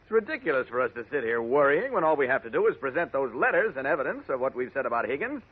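Clark Kent, quick-talking radio-drama reporter. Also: male voice, medium pitch, very animated, husky. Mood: assured. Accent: American. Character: confident, shrewd male newspaper reporter. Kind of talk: 1940s radio acting. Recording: tinny vintage radio broadcast.

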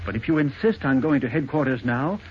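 An actor playing a mild, scholarly choir leader in an old radio drama, speaking formally and theatrically. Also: male voice, mid-range voice, expressive, fairly quick, lightly acted. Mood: solemn, pleading. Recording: muffled noisy old radio recording.

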